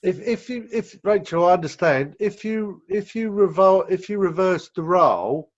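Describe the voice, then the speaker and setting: English man, high voice, rambling advice. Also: expressive, moderate pace. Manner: rambling, explanatory, repeats words. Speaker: rehab director answering questions. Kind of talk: video call Q&A. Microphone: video call. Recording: dull lo-fi video call audio.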